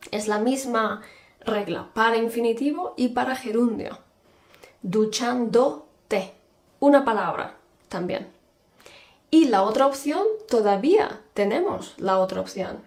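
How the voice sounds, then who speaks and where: A woman teaching a language lesson, speaking slowly and clearly and repeating example phrases one by one. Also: on the high side, lively intonation, a little mellow. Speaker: Spanish teacher.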